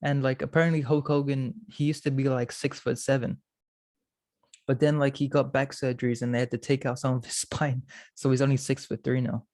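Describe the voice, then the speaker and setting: A man's voice: medium pitch, flat delivery, a little fast, a little mellow. A young man in his twenties co-hosting a podcast, chatting casually with lots of filler words. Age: 20s. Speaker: podcast co-host. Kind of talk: casual chat.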